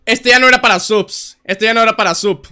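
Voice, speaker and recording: A young man, hosting a drawing game on stream in a playful, teasing way, shouting out the answers. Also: high-pitched, fast talker, clean tone. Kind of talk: casual game-stream chat.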